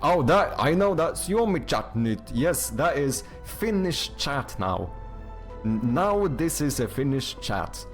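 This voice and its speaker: Soft music plays behind this young man from Sweden as he talks casually on his game dev stream, taking things slowly in a slightly high, sing-song voice. His Swedish accent comes with frequent profanity, restarts and plenty of "um" and "like" fillers.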